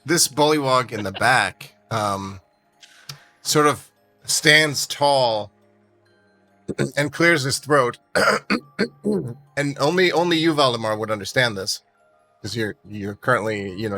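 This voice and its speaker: A man narrates a tabletop game as its dungeon master. His voice is bright and forceful, his delivery easygoing and halting, and soft music plays under him. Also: medium pitch, dry recording.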